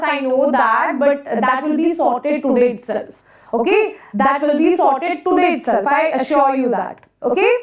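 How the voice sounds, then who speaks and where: A woman with an Indian accent teaching a live exam-prep lesson, repeating phrases and questioning students, in a big echoing hall sound. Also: sits high. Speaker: online chemistry teacher. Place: echoing classroom, voice far from mic. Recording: echoey room, big hall echo, distant mic.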